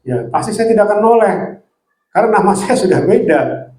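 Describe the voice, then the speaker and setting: A man's voice: high-pitched, lively intonation, fairly quick, darkish tone, roomy sound, poor audio. A man preaching a sermon in an earnest teaching manner, tagging his points with short asides. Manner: earnest teaching with many filler "ya" tags.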